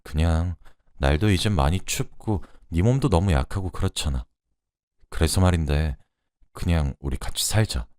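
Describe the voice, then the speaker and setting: A man voicing a reserved, blunt middle-aged man who speaks low and quietly in a radio drama reading. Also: lively intonation, normal speed, no room sound, clean studio sound. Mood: tender, gruff.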